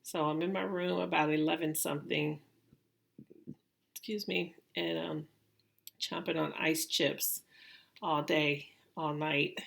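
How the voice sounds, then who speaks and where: A middle-aged woman with a gravelly voice, telling a personal story casually and haltingly, like a vlogger. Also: sits low, level tone, fairly bright tone. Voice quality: gravelly, creaky voice. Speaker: vlogger recounting own surgery.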